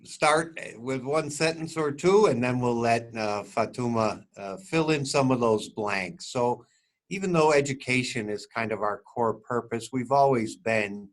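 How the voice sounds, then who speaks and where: A middle-aged man who runs a community center, speaking casually in an interview with many ums and restarts. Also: mid-range voice. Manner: halting, many fillers and restarts. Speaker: community center board member. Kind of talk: casual video-call interview.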